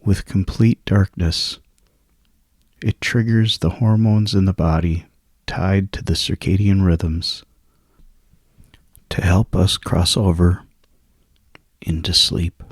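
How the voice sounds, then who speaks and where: A man guides a sleep meditation, his low voice soft, hushed, husky and soothing, holding a steady tone with long pauses between phrases. There's no echo.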